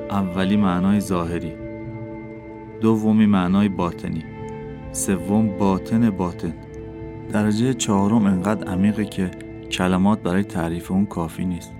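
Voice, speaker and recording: Audiobook dervish, calm and gentle, read by a man in his own low voice, soft music behind. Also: lightly acted. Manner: calm, measured teaching. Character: calm wandering male dervish, wise and gentle.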